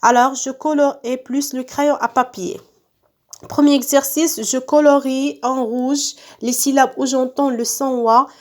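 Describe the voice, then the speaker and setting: A woman's voice: high-pitched, fairly even intonation, measured pace, darkish tone. A woman teaching young pupils in a recorded lesson, stretching out and repeating each word so children can follow. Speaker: primary school teacher. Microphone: phone.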